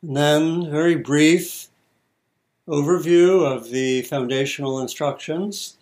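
A man leads a guided meditation, his voice a little higher than most men's and darkish in tone. He talks very slowly, using short, measured phrases with pauses between instructions.

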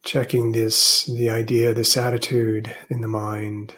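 Leading a guided meditation, this male teacher keeps a level tone at medium pitch. He talks softly and slowly, leaving long pauses.

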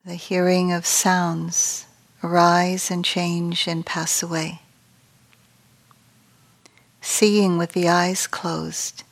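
Speaking softly in a somewhat low register, a woman leads a meditation practice. She talks very slowly with an almost flat pitch and long pauses, and her phrases often fade into a gentle breathiness.

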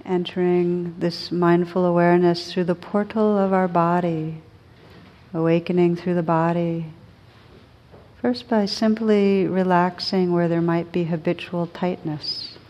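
A woman on the low side of the pitch range teaches a guided meditation, keeping her intonation fairly even. She sounds soothing and unhurried, with long pauses between phrases, and the recording is muffled.

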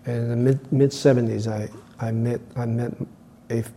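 A man from Taiwan, a meditation teacher giving a dharma talk to a retreat group. He speaks haltingly, with many fillers. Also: medium pitch, little pitch movement, warm tone, a little hiss or hum.

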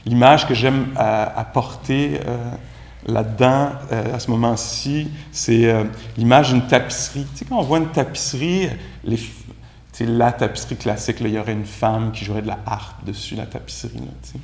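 A man's voice: mid-range voice, steady tone, moderate pace, vocal fry. A man from Quebec with a Quebec French accent giving a casual dharma talk as a meditation teacher, filling his sentences with "tu sais". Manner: casual, conversational, many "tu sais" fillers. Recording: echoey room, faint background noise.

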